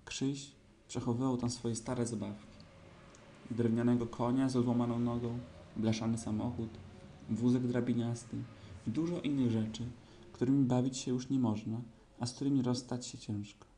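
A man reading a children's story aloud, calm and even in his telling. His voice is dark, warm and mellow. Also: medium pitch, normal speed, a little hiss or hum. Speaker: audiobook narrator.

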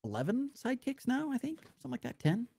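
A man co-hosting a casual chat show, laid-back and quick to laugh along. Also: extremely high pitch, huge pitch swings, creaky, warm tone, breathy edge, no echo, clean studio sound. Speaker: podcast co-host.

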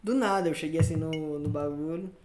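Over background music, a young podcast host speaks a little high and fairly quickly, his accent Brazilian Portuguese. Chatting casually, he tells lively, slangy stories and voices the quotes himself, all in a room with noticeable echo.

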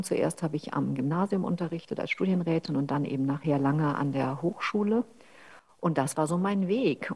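A middle-aged woman from Berlin with a low, husky voice. She answers interview questions in long, articulate stretches, telling her story fluently. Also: darkish tone. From Berlin, Germany. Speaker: interview guest, coach and author. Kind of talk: conversational interview.

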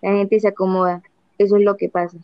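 A worn-out husband in his fifties, dodging and flat-voiced, as a woman reads him. Her tone is smooth and even, and the dry, dull audio has faint music behind it. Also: medium pitch, quick pace, dry recording, lightly acted. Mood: weary. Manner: tired, flat, dodging answers. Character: weary evasive husband of fifty-six, man. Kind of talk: audiobook dialogue reading.

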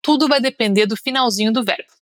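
A woman's voice: fairly high pitch, fast talker, no echo, studio quality. A young woman from Brazil with a Brazilian Portuguese accent, an upbeat pronunciation teacher on a podcast, leading listeners through drills. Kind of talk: podcast lesson.

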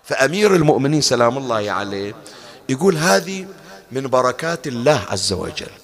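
A man's voice: mid-range voice, fairly bright tone. A man giving a religious lecture, asking himself rhetorical questions as he teaches. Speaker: preacher.

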